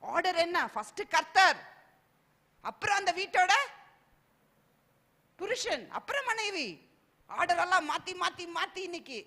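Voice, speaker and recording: Woman preacher, fervent and repetitive, bright high voice, long hall reverb. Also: very animated, measured pace, pauses often. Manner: fervent, repeats phrases and cries hallelujah. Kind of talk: sermon.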